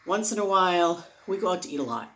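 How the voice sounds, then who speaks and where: A woman's voice: lowish voice, expressive, fast talker, a bit bright. A woman talking casually and off the cuff, rambling into tangents as she earnestly and emphatically explains her advice. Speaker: vlogger sharing diet advice. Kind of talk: casual unscripted explanatory monologue.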